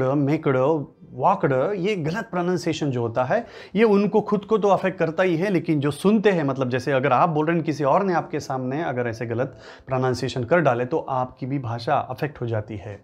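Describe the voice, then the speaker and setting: Lively, emphatic man coaching spoken English. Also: fairly high pitch. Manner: emphatic, repeats and lists key points for stress. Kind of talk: motivational lesson to camera.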